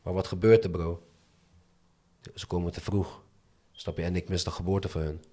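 A man's voice: low voice, little pitch movement, moderate pace, warm tone. A young man speaking in casual Dutch street slang, chatting candidly as an interview guest. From moved to the Netherlands from abroad as a child.

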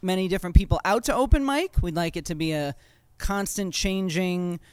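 An upbeat woman co-hosts a podcast in loose, joking chat. Her voice is smooth and resonant. The sound is dry, with no room echo. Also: fairly low pitch, normal speed, darkish tone. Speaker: co-host.

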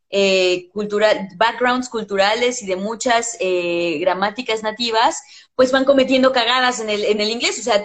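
A woman explaining language in casual conversation, emphatic and blunt, dropping slang and swear words. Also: a little high.

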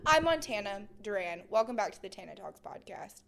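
A woman's voice: medium pitch, big pitch swings, a little fast, vocal fry, a bit bright, a little hiss or hum. A young woman hosting a podcast in casual chat, playful and laughing often. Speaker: podcast host.

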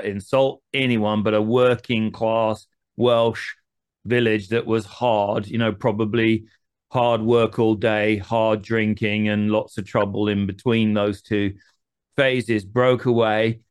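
A man's voice: lowish voice, flat delivery, takes it slowly, clean tone. A man hosting an interview, asking long, winding questions full of asides. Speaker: host. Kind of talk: conversational interview.

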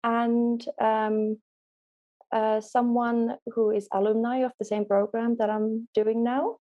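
A young Finnish woman, a native speaker and law student, answers questions as a guest in a casual interview over a remote call, hesitating with many ums. Her fairly high voice is flat and slow, and the audio has its highs cut off.

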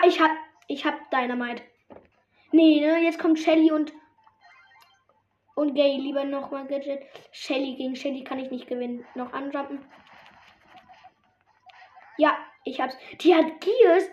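A woman giving excited gameplay commentary, reacting loudly to each moment of the match. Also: high-pitched, measured pace, pauses often, dull audio. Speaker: gamer.

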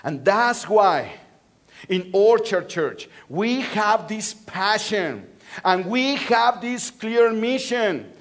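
A man's voice: sits high, animated, slow. A male pastor from Mexico City with a Mexican Spanish accent, preaching a sermon with call-and-response and repeated phrases. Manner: call-and-response, repeating phrases with swings between loud and soft. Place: church.

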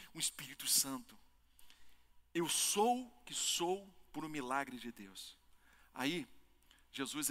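A male pastor preaches with fervor, his high, bright voice climbing to loud peaks and then dropping low for emphasis. The sound carries a long reverb, as in a church sanctuary. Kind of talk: sermon.

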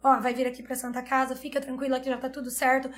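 Woman, 30s, pediatrician; high voice, rapid earnest storytelling that repeats itself. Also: level tone. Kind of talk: emotional personal story in a podcast chat.

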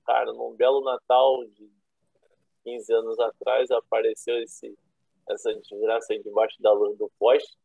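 A man's voice: mid-range voice, flat delivery, unhurried, vocal fry, warm tone, breathy edge. A Brazilian man in his thirties with a Rio accent tells casual, rambling, slangy stories as a guest on a remote call. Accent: Rio de Janeiro Brazilian. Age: 30s. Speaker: guest, classic car owner. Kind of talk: casual storytelling chat. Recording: roomy, thin phone-like internet call.

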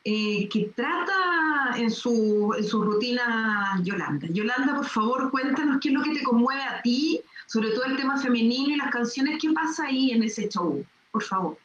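A woman hosting a studio interview, asking halting questions full of restarts. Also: on the high side, lively intonation, a bit bright, reverberant, muffled recording, a little hiss or hum. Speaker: host.

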